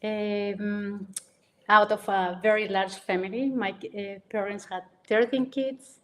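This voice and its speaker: A woman's voice: medium pitch, steady tone, takes it slowly. A woman from Colombia, answering interview questions hesitantly, with many uhs and small grammar slips. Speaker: guest photographer.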